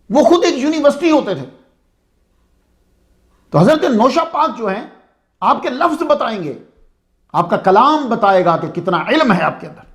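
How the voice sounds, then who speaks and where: High, lively-voiced man giving a sermon. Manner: conversational, asks the audience questions. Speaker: religious speaker. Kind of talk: sermon-style storytelling lecture.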